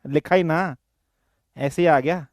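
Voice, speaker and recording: A man's voice: on the high side, slow pace, no echo, studio quality. A young man from western Uttar Pradesh teaching a live online class, joking and teasing his students between explanations.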